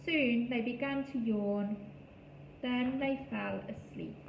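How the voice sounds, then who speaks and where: Woman reading a children's book aloud, slow and expressive, recorded in an echoey room. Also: a little high, gravelly, noisy background. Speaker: storyteller. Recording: echoey room, faint ambience.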